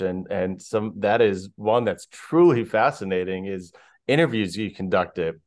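A man interviewing an author, asking questions and giving short replies that show he agrees. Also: lowish voice.

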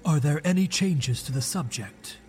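A man playing a cold, controlled ghostly father and scientist in an audio drama, measured and clinical. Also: on the high side, animated, a little mellow, soft background music, lightly acted. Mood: detached. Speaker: researcher.

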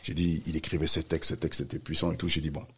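A man telling a story in casual chat, animated, acting out the voices of the people he quotes. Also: very deep voice, fast, breathy edge. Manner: animated, acts out quoted voices, many restarts. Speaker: music manager telling a story.

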